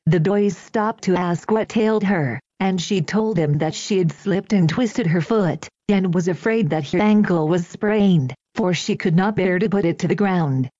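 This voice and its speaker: A woman reading an old children's story aloud in a gentle, even storytelling manner. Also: on the low side, unhurried, hardly any pauses, no room sound. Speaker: audiobook reader. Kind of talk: storybook narration. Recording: dull, dry lo-fi recording.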